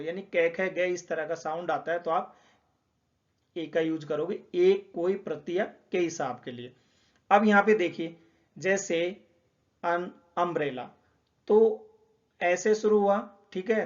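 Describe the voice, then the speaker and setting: Man teaching grammar, lo-fi sound. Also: high voice. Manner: explains step by step, repeats points. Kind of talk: classroom explanation. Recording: dull lo-fi sound.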